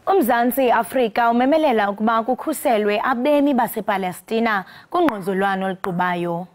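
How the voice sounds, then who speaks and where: A woman's voice: on the high side, brisk, slight background noise. A woman with a Xhosa South African accent reading scripted news. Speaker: news reader.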